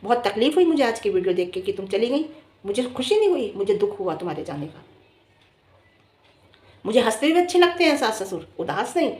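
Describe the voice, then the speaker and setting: A woman's voice: on the high side, lively intonation, fast talker, darkish tone, reverberant. A woman vlogger giving scolding casual commentary, asking the viewers rhetorical questions.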